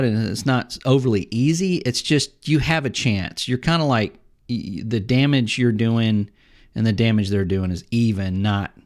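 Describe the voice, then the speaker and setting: A middle-aged man co-hosting a podcast, telling rambling, animated stories about the games he plays and acting out the other players. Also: medium pitch. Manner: rambling, animated storytelling with acted-out quotes. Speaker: podcast co-host. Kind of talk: casual chat about video games.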